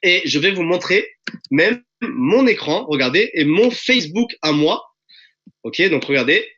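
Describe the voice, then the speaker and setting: High, bright, hyped-up man. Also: sing-song, measured pace, husky, dull audio. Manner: enthusiastic and pushy, addresses audience as friends. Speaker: presenter of a recruiting webinar. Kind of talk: energetic sales pitch. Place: at home. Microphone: video call.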